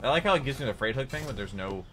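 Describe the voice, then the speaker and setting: A man in his twenties giving casual, joking, excitable commentary as he streams a game. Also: mid-range voice, rapid-fire, slight background noise. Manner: excitable, joking, startled exclamations. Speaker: game streamer playing a first playthrough. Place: small indoor room, seated at a gaming desk. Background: game music and sound.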